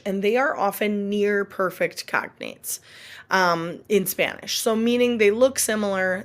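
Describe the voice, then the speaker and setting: A woman who is a Spanish teacher and a mother, speaking in a recorded online lesson and patiently repeating example words. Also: mid-range voice. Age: adult.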